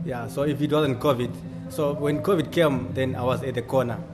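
A man answers interview questions about his coffee shop, earnest and halting, restarting his sentences often. His voice sits at a middling pitch but stays quite flat. Music plays clearly in the background. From Zimbabwe. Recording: music playing clearly behind.

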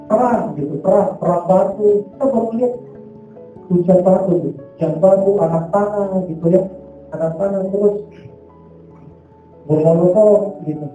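Male preacher, casual testimony, high and dark-toned, heard from a distance in a booming hall. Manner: casual, repeats filler tags constantly. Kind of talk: sermon testimony. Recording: very echoey hall, far from mic.

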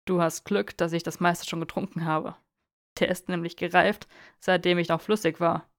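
A woman's voice: lowish voice, little pitch movement, no room sound, clean studio sound, close to an everyday voice. A woman voicing a smug young male wizard who teases his friend, in an audiobook reading. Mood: teasing. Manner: amused, teasing, unhurried.

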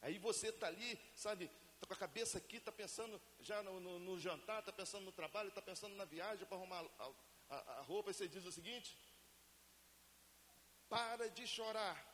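A man from Brazil preaching a lively sermon to a congregation and asking them to answer him. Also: sits high, fairly quick. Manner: acts out family scenes in everyday voices. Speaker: pastor. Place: church hall. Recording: reverberant church hall, faint hiss.

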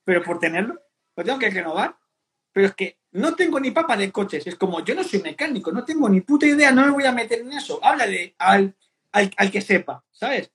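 A man's voice: high-pitched, expressive, fairly quick, a bit bright. A young man from Spain, a fitness coach talking bluntly in casual slang and acting out what other people say. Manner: blunt, slangy, often acts out quoted remarks. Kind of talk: casual podcast conversation.

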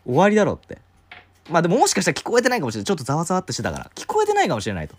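Man, casual storyteller, rapid-fire delivery, acts out the quoted voices. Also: fairly high pitch, huge pitch swings, slightly rough. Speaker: podcast co-host telling a story. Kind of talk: casual chat.

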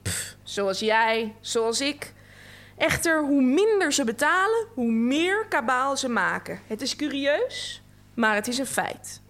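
Unflappable stout midwife, dry and dismissive, slow and fairly high, as a woman reader puts her on. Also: sing-song, a bit bright, exaggerated voice. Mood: calm, dismissive. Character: calm stout female midwife, unhurried and matter-of-fact. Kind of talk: story reading.

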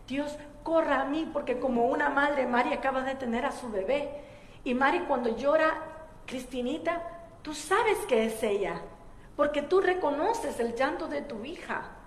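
High-voiced woman preaching in an echoey church. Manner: fervent preaching, swings between soft storytelling and loud exhortation. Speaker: pastor. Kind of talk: sermon.

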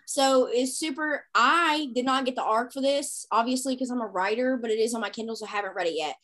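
Southern woman host, chatty and animated, a little high-pitched, quotes people in funny voices. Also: brisk. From American South. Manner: animated storyteller who acts out quotes, swears freely. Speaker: podcast host. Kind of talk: casual chat.

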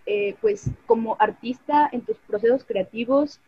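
A woman's voice: a little high, sing-song, a little slow, gravelly, slightly rough. A woman, co-hosting a podcast in casual chat. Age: 20s. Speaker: podcast co-host. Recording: dull lo-fi call audio.

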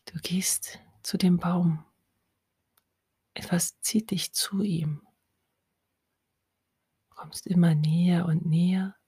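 Woman, whispered hypnosis, very slow, breathy, low, dry close mic. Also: steady tone, mellow, no room sound. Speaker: hypnosis guide. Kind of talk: whispered guided hypnosis, ASMR.

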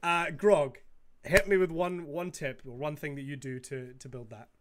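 A man's voice: fairly high pitch, steady tone, normal speed, a crowd in the background. A man casually hosting a panel in natural unscripted talk, passing questions around. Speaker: panel host.

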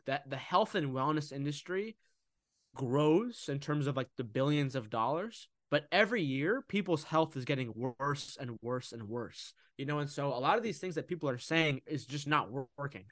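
A young man talking casually about food and nutrition in a podcast conversation, animated, often slipping into mocking voices. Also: mid-range voice, moderate pace, no echo, studio quality. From United States.

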